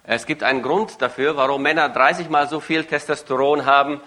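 A man's voice: medium pitch, steady tone, fairly quick, pushed and bright. A man interpreting a sermon live, phrase by phrase, with the odd hesitation and self-correction.

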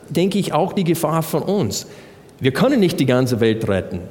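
A man's voice: medium pitch, a little mellow. A man preaching a sermon, working through Bible verses and asking the congregation rhetorical questions. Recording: long hall reverb.

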